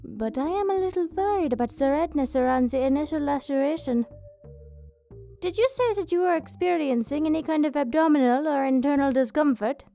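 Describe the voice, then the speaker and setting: Over a background of music comes a high, mellow female voice: a woman acting a witch healer in an ASMR roleplay. She is doting and a little possessive of her creatures. Her phrasing is careful, clinical and soothing. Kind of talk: ASMR roleplay, soft scripted character acting.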